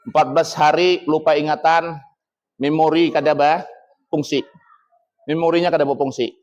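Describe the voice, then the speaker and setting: A man with a Banjar Malay accent giving a humorous sermon at a mosque gathering. His voice sits high, and he tells stories in a lively way, slipping into high, pleading tones to play the people in them. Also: normal speed. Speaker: preacher. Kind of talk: humorous sermon with acted anecdotes.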